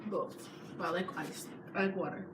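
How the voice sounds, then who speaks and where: A woman's voice: lowish voice, steady tone, normal speed. A female mukbang co-host chatting casually with a younger sibling while eating crunchy fried chicken. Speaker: older sister co-host. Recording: echoey, noisy room.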